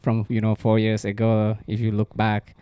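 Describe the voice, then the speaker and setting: A man with a Maldivian accent hosting a podcast interview, asking questions in an unhurried, friendly way. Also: fairly low pitch, monotone, clear, resonant tone, dry recording, lo-fi sound. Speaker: podcast host.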